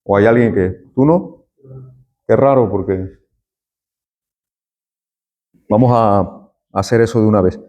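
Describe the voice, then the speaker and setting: A man's voice: fairly low pitch, moderate pace, mellow, highs cut off. A middle-aged man, a university lecturer taking roll and chatting with students in a classroom. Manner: friendly, chatty, jokes with students.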